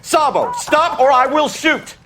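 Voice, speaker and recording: An actor playing a stern young police detective in a period crime game, commanding and formal like an old-time beat cop. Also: male voice, very high voice, a little slow, background noise. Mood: commanding, urgent.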